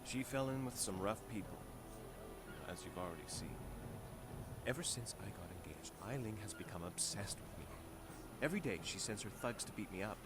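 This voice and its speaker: A man's voice: on the low side, animated, normal speed, very noisy, close to an everyday voice. An actor playing an anxious, proud young man in a game, talking earnestly about his troubles. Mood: worried. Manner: earnest, worried.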